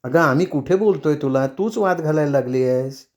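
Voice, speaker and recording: A man voicing a patient older mother who speaks softly to calm a family quarrel. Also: on the high side, fairly quick, natural voice. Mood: weary. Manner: soft, placating.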